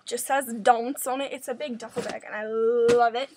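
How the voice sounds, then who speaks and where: A woman's voice: a little high, steady tone, normal speed, a little mellow, slight background noise. A teenage girl chatting casually in a home video, rambling with lots of fillers, a little out of breath. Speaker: vlogger. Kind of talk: casual vlog showing her dance bag.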